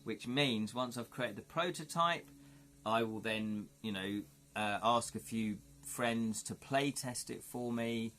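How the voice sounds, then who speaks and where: A British man hosting a live stream talks slowly in a mid-range, slightly bright voice. His casual chat with viewers meanders as he thinks aloud, saying "you know" often.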